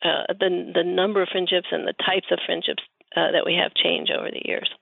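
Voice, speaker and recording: Heard over a narrow, phone-like connection, a woman with noticeable vocal fry answers interview questions. She talks conversationally and thoughtfully, halting as she works through anecdotes. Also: on the low side, flat delivery, no echo. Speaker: interview guest, researcher and writer on friendship. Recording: muffled, phone-like narrow band.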